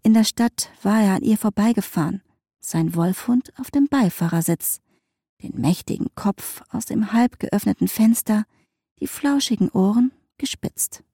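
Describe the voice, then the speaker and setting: A woman narrating a novel in an even, measured way. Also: medium pitch, husky, no room sound, clean studio sound. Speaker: audiobook narrator.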